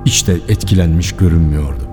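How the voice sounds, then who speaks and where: A man narrates a radio drama in a steady, measured way. His voice sits low and mellow, with a long reverb tail, and faint music plays behind. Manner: measured storytelling.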